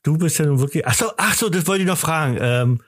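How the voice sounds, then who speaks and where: Slightly high-voiced and fast-talking, this fifty-something eastern German podcast host keeps things loose and meandering. His humor is jokey and self-deprecating.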